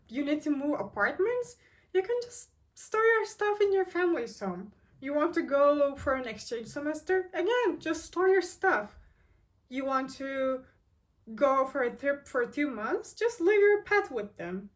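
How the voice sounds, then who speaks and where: Recorded on a distant mic, this young woman from Turkey, aged 23, speaks on the high side. Her relaxed, reflective vlog talk is earnest and full of restarts and "like."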